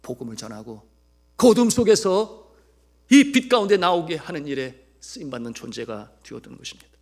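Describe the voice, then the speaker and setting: A male pastor preaching a sermon, telling a story to his congregation and shifting between loud, emphatic calls and hushed narration. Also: mid-range voice, big pitch swings, fast, gravelly. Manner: addresses the congregation often.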